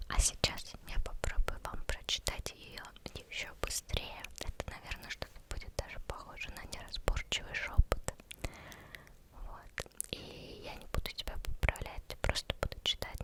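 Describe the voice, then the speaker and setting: This is a hushed ASMR performer reading tongue twisters entirely in a whisper. The delivery trips over hard words and goes back to repeat syllables and phrases. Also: normal speed. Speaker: ASMR creator.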